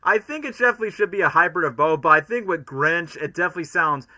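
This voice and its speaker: A man's voice: fairly high pitch, expressive, fast talker, sharp tone. A man giving casual, chatty reaction commentary as a streamer. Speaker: streamer, cosplayer.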